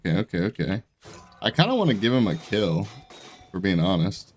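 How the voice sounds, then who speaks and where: A low, sing-song male voice moves briskly over a slight hiss or hum. He's a young gaming YouTuber with a stuffy nose and sore throat, casually narrating his gameplay while he rambles, breaks off mid-thought to start over, and laughs often.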